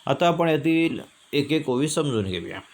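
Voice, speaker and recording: A man's voice: fairly high pitch, lively intonation. A male teacher from India explaining a poem to students, asking and answering his own questions. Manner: recites verses in a slow chant. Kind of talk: Marathi poetry lesson.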